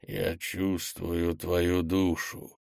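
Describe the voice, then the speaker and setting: A man voicing an old blacksmith possessed by a soul-eating monster, speaking in a strange, distorted, alien voice that creaks slowly. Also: low voice, completely flat delivery, a little mellow, dry recording, studio quality, full character voice. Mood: hungry. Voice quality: creaking, slow and drawn-out. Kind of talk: audiobook character voice.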